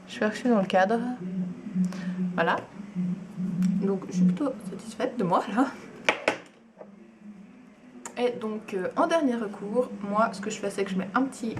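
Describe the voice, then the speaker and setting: Young woman, chatty makeup tutorial, camera mic, steady background hiss. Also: mid-range voice. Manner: chatty, enthusiastic, with fillers and asides. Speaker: beauty vlogger.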